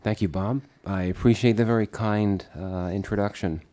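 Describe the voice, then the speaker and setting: A man with a congested, slightly distorted voice from a head cold, giving formal, measured remarks as a speaker at a book launch panel. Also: fairly low pitch, steady tone, mellow. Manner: formal, measured thank-yous with occasional fillers. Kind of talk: prepared remarks at a panel event.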